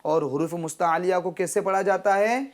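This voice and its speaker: A man teaching children Quran pronunciation, patiently checking understanding and drawing out syllables slowly when he models them. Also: high-pitched, fairly even intonation. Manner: patient, repeats "theek hai?" to check understanding. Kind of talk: children's Quran recitation lesson.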